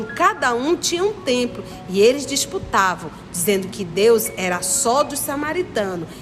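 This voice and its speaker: A woman from Manaus, Amazonas, Brazil, speaking in a fairly high pitch with a northern Brazilian accent, teaches children a religious study lesson. She goes step by step, repeats key points and keeps asking her listeners questions. The audio has a long reverberant echo and clear music in the background.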